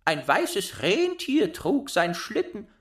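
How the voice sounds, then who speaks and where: A man voicing a flock of cooing wood pigeons in a storybook, calling out very high. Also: wildly swooping pitch, slow, a bit bright, heavily acted.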